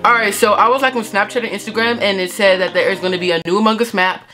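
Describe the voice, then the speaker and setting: A woman's voice: medium pitch, fairly even intonation, fast talker, background noise. A woman YouTuber chatting casually and jokingly while playing a game, with dramatic playful outbursts. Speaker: gaming YouTuber. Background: game music.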